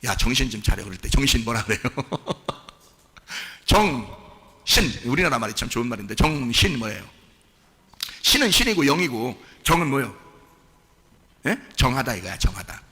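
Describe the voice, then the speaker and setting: A pastor preaching a sermon, lively and questioning, often asking the congregation for answers and moving between casual and polite speech. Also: male voice, mid-range voice, unhurried, long pauses. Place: church sanctuary. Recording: echoey hall reverb.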